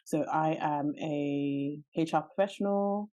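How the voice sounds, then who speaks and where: A woman's voice: deep voice, takes it slowly, warm tone. A woman in her late twenties co-hosting a podcast, chatting casually and laughing easily. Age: 20s. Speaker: podcast co-host. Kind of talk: casual chat.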